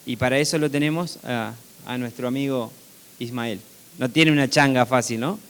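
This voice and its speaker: A man's voice: medium pitch, normal speed, smooth. A man with an Argentine accent gives a technical product presentation conversationally, often checking in with short tag questions. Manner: conversational, seeking agreement with frequent tag questions. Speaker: seed company presenter.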